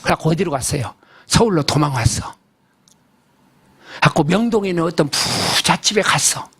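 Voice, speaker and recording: A man's voice: on the high side, lively intonation, normal speed, fairly bright tone, husky. An older man preaching a sermon as a pastor. He tells a story in a folksy, emphatic way and keeps asking the congregation questions. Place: church service.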